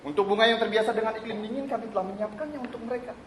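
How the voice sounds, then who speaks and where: A man's voice: high-pitched, racing, slight background noise, close to an everyday voice. An actor playing a cheerful male city official on a theatre stage, breezy and reassuring with a bureaucratic air. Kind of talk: stage play acting. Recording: roomy live stage recording.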